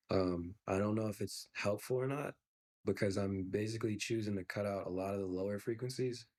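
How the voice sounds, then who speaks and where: A young male musician answers podcast interview questions as a guest in an easygoing, reflective way. His voice is fairly low and a little mellow, and he uses lots of fillers.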